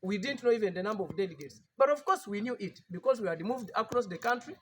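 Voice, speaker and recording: A man's voice: high voice, animated, fast talker, a little hiss or hum. A man with a Ugandan English accent, a party politician giving an emphatic, defiant press statement with repeated rallying lines.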